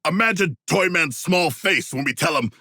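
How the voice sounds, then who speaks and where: A hulking humanoid shark warrior from a video game. The voice is gravelly and husky, with very animated pitch. He is proud and zealous, speaking in formal, grandiose phrases with complete earnestness. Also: moderate pace, no echo, studio quality, faint music behind, heavily acted. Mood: earnest, proud. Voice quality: gravelly, rough. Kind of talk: video game character voice lines.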